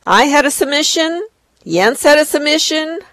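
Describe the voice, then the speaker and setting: A woman's voice: sits high, expressive, moderate pace, fairly bright tone, no room sound. A woman presenting awards live at an online event as the host, effusive in her praise.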